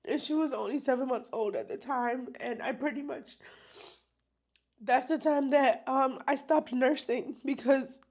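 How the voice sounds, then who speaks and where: A young adult woman vlogger telling a personal story to camera, emotional and halting, with many fillers. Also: high-pitched, darkish tone.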